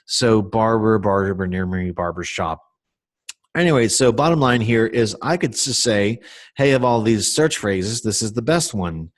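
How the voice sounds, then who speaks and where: A man's voice: on the low side, a little slow, no echo. A man giving a casual screen-share tutorial on search marketing, rambling with lots of fillers and self-mocking asides. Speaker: SEO instructor.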